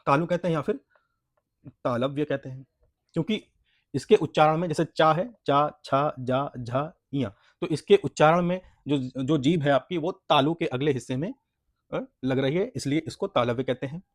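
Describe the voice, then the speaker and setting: A man gives an exam-prep lesson in a slightly high voice, sounding out syllables one at a time. He keeps asking his own questions and answering them. The recording is dry and close. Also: no room sound. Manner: repeats points, asks and answers own questions, says "friends" often; spells out syllables slowly for practice. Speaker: teacher.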